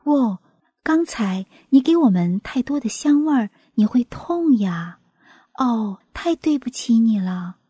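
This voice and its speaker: A woman's voice: medium pitch, a little slow, mellow, husky, no echo, clean studio sound. A woman voicing an anxious, apologetic little butterfly in a storybook tale. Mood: worried.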